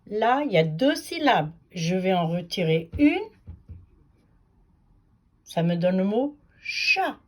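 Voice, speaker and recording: A woman's voice: mid-range voice, sing-song, slow, pauses often. A woman teaching a patient, sing-song phonics lesson to young children.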